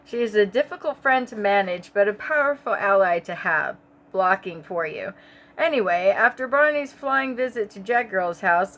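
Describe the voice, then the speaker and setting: A woman who is sick and stoned, reading a story aloud in a casual, rambling way, stumbling over words and swearing in her asides. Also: mid-range voice. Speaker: audiobook reader. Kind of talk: casual amateur audiobook narration.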